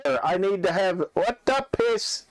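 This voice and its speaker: A man playing in a tabletop game who cracks jokes and talks slowly. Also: high-pitched, animated. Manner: joking, slow-spoken. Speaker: player. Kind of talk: casual tabletop game play.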